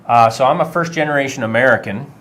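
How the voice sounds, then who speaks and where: Middle-aged male shop teacher, relaxed and friendly, talks with frequent filler sounds. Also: mid-range voice, fast, slight background noise. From Vermont. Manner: friendly, many filler uhs. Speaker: high school technology teacher. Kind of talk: casual interview answers.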